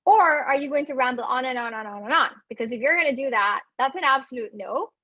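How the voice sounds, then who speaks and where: A woman in her thirties with an accent gives animated webinar coaching, laughing easily and talking straight to her audience. Her voice sits fairly high and sounds a little husky. The recording is dry and close. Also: quick pace, no echo, lo-fi sound. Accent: non-native English accent. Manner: animated, laughs often, speaks directly to listeners. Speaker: webinar speaker on residency interviews.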